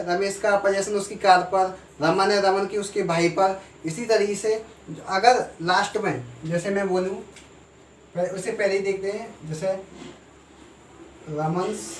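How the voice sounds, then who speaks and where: दूर से गूँजती आवाज़ में पढ़ाता शिक्षक. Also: male voice, high voice. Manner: explains slowly, asks and answers his own questions. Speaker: teacher. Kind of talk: classroom grammar lesson. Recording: echoey room, voice from far off, faint noise.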